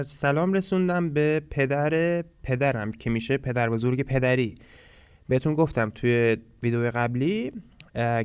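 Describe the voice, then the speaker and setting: A man teaching a language lesson from a textbook, reading foreign words slowly and explaining them step by step. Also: a little high, darkish tone, smooth, no echo. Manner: explains step by step, reads Swedish words slowly then translates.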